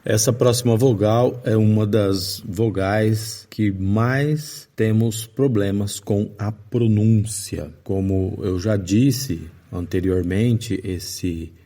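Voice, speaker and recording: Slow dark-voiced male teacher. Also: on the low side. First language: Portuguese. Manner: slow, patient explanations with drawn-out example words. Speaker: English teacher. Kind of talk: video lesson explaining pronunciation.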